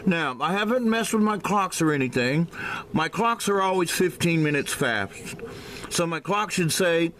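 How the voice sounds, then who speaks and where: With lively intonation and a fairly high, fairly bright tone, a man talks casually to his camera at home by a window. A swollen mouth makes his speech a little slurred, and he's halting and repetitive. The amateur vlog is captured noisily on a handheld camera mic.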